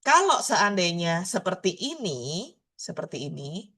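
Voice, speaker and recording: Slow, low-voiced Indonesian woman teaching. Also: very animated, a bit bright, breathy edge. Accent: Surabaya Javanese. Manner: slow, patient, repeats words to drill pronunciation. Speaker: language teacher. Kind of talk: online language lesson.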